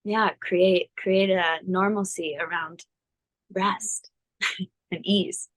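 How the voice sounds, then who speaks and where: A woman speaking as a yoga teacher guest, thoughtful and measured with some hesitations. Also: medium pitch, fairly even intonation, rough recording. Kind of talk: reflective personal interview. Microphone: video call.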